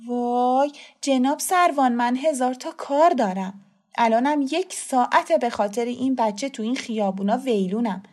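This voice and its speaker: A woman voicing a kind grown woman who coaxes a lost child slowly and gently. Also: on the high side, voice pushed up, lightly acted. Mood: flustered. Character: kind, hurried adult woman, gentle then flustered.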